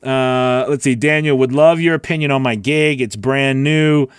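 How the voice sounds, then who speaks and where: Speaking at normal speed in a clear, resonant mid-range voice, this middle-aged man hosts an informal livestream as a voice-over coach, rambling amiably while responding to viewers. He broadcasts from a small home studio through a close boom-arm broadcast mic, and the recording is dry and studio-clean.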